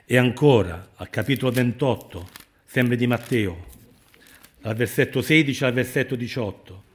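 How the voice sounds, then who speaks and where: A man preaching a sermon, slow and emphatic, sinking to near-whispers and then rising loud on repeated phrases. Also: mid-range voice.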